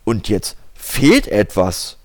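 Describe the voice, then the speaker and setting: A man's voice: lowish voice, wildly swooping pitch, slow pace, a little mellow, heavily acted. A man voicing a fussy middle-aged lawyer buried in his files, in a puzzled, muttering manner, in a storybook.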